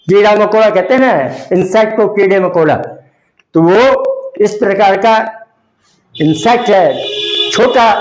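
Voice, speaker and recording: A man's voice: high-pitched, a little mellow, reverberant, low-quality recording. A man teaching an English vocabulary lesson with an Indian accent. He explains words and meanings in Hindi, repeats each word carefully and keeps checking that students understand. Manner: explains slowly, repeats words, asks "samjhe?".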